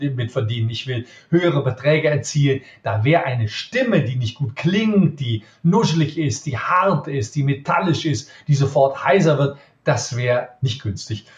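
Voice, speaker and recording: A middle-aged magician from Cologne with a Cologne accent, answering interview questions emphatically and tagging points with quick questions. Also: male voice, medium pitch. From Cologne, Germany. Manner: emphatic, lively, frequent "ja?" tag questions. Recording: roomy, dull lo-fi sound.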